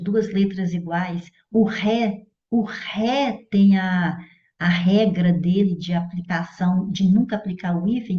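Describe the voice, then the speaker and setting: A Brazilian woman teaching Portuguese grammar for exams. She talks in a didactic way and keeps checking in with her students. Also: medium pitch. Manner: didactic, checks in with "certo?" and "olha". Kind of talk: explanatory exam-prep lesson. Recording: dull echoey room audio.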